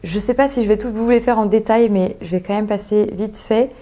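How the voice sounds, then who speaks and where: A woman's voice: medium pitch, fairly even intonation, fairly quick, mellow. A young woman chatting casually as a sewing vlogger, thinking aloud with lots of hesitations as she describes fabrics. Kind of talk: casual chat.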